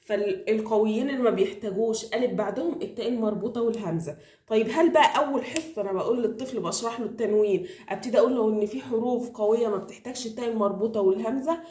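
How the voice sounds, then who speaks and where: A woman with an Egyptian accent who teaches reading, giving tips to parents and drilling with quick repeated questions. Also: on the high side, mellow, roomy sound. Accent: Egyptian Arabic.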